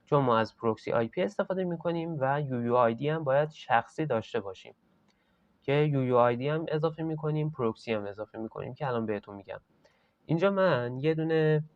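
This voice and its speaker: A man's voice: mid-range voice, darkish tone, dry recording, dull audio. A man hosting a screen-recorded tech tutorial, explaining each step in a casual, chatty way.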